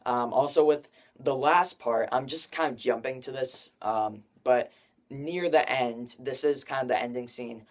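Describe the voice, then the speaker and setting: A man's voice: medium pitch, unhurried. Young man, film review host, casual spoiler chat, rambling, lots of fillers. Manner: rambling, filler-heavy, says 'like' often.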